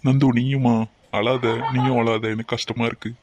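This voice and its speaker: An actor voicing a shaken young man after an accident in an animated family drama, subdued, guilty and consoling. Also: medium pitch, quick pace, close to an everyday voice.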